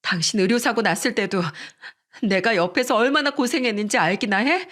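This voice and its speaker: A woman's voice: a little high, fairly quick, fairly bright tone, natural voice. A woman voicing an ill young wife who reproaches her cruel husband in a dramatized story. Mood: reproachful. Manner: pleading, reproachful. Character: sick young wife, hurt and defiant.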